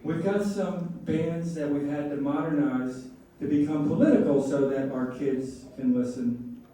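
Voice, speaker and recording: A middle-aged man performing stand-up comedy in setups and punchlines with pauses, to a laughing audience. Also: fairly high pitch, fairly even intonation, mellow. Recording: roomy echoing live venue, distant mic, faint noise.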